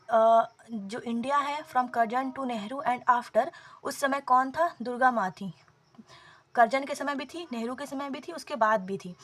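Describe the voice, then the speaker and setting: A woman explaining memory tricks in a casual, conversational lesson, often pausing with fillers and checking in with "theek hai". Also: on the high side, a bit bright. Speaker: exam-prep tutor.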